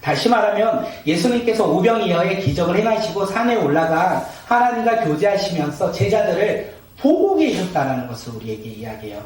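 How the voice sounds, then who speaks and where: High, lively male pastor preaching. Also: a little fast, few pauses. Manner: rhetorical questions, leads congregation in reading. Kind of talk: sermon. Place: church sanctuary. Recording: roomy echoey sanctuary, mic at a distance, faint noise.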